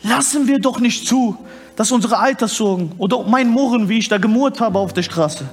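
A man's voice: high-pitched, faint music behind. A man preaching a sermon and telling a personal testimony with fervor, drawing out words for emphasis. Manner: fervent storytelling, drawn-out emphatic words.

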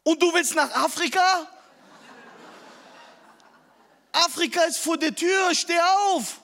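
A preacher voicing his wife as a fiery, scolding woman who shouts at him. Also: extremely high pitch, moderate pace, pitched above the performer's own voice, heavily acted.

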